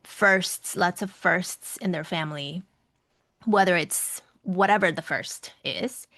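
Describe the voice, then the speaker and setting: A woman's voice: on the low side, slow, a bit bright, dry recording. A woman with a Mexican, Latin American accent, telling her story conversationally as a podcast guest, repeating phrases for emphasis. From Mexico City, Mexico. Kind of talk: conversational personal storytelling in an interview.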